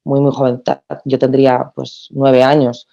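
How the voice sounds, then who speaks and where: A woman in her thirties from Spain, a podcast guest telling her story in a lively way with many restarts. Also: a bass voice, measured pace, creaky, muffled recording. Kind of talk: casual podcast interview.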